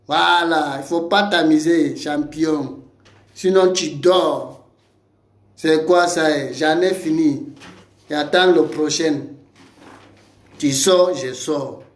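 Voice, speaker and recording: Slow, taunting man in an echoey room. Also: fairly high pitch, steady tone. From Cameroon. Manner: taunting, combative, repeats insults and challenges. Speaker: online commentator. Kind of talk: ranting video message. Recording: roomy echo.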